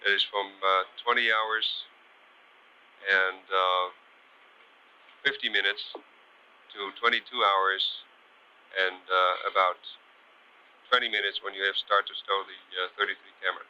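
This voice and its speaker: A man working as a ground controller, speaking haltingly with many pauses over two-way radio. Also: sits low, little pitch movement, bright, forceful tone, clear, resonant tone. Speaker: ground payload operations controller. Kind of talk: radio operations chatter. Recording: dull, hissy archival space radio.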